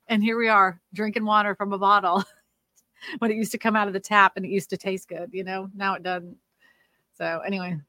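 On her casual housing market livestream, a Louisiana woman reads comments and rambles with frequent fillers and restarts. Her voice is mid-range, slightly nasal and sharp, with a level tone at a moderate pace, and there's no room sound.

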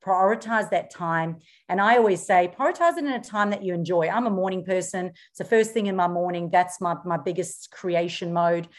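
A middle-aged woman with a South African accent softened by years in Australia, speaking a little low. She explains things earnestly as a podcast guest, stopping now and then on small ums. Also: moderate pace, hardly any pauses. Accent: South African mixed with Australian. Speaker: podcast guest, social media coach. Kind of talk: interview answers.

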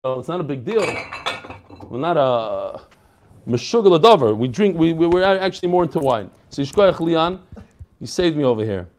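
Brief: male Talmud teacher, slightly high voice, chatty and jokey, casual class with lots of self-corrections. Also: moderate pace. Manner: joking and animated, sprinkles in Hebrew and Yiddish terms; frequent restarts and self-corrections.

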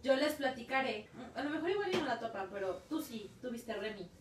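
A young Mexican woman in casual, animated chat, slangy and swearing freely. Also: fairly high pitch, brisk, recorded from a distance, noisy background. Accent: Mexican Spanish. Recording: echoey room, voice from off-mic.

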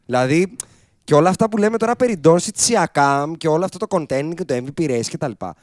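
Animated man talking sports. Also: a little high, no echo, studio quality. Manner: animated, loud outbursts. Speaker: podcast co-host. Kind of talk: casual sports chat.

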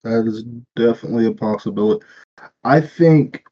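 A man co-hosting a casual podcast, calm and measured, agreeing and weighing in. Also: mid-range voice. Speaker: podcast co-host. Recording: dull lo-fi mic.

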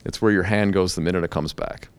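A man's voice: deep voice, steady tone, quick pace, clear, resonant tone, no echo. A middle-aged man talking casually as a podcast guest, blunt and joking, swearing now and then. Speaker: guest, hair educator.

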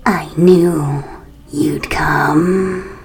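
A woman voicing a menacing undead corpse woman in a slow, raspy whispered role-play. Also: sits low, steady tone, voice pushed down, heavily acted.

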